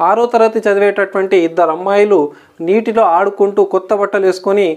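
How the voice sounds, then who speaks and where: A woman with a Telugu accent, a teacher who explains English words slowly, spells them out letter by letter and keeps checking that the class follows. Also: medium pitch, fairly even intonation, a little mellow. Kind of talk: recorded vocabulary lesson.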